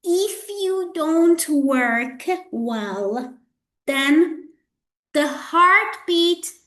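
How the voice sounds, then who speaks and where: A woman trainer teaches a hospitality class in a slow, deliberate way, with a high-pitched voice. She repeats points and keeps asking her students "okay?". The sound bounces around an echoey room. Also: animated, fairly bright tone. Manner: repetitive, checks in with "okay?" and "guys". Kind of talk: classroom lecture.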